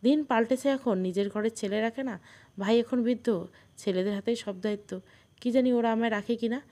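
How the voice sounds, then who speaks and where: A woman's voice: fairly high pitch, fairly quick, dark tone, close to an everyday voice. A woman voicing an aging mother-in-law in a storybook, who scolds sharply and then pleads through tears. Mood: tearful.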